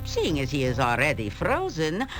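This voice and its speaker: A woman's voice: deep voice, huge pitch swings, moderate pace. A cackling old witch. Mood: taunting. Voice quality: cackling, sing-song and taunting. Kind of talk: game voice acting. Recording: game audio with faint music.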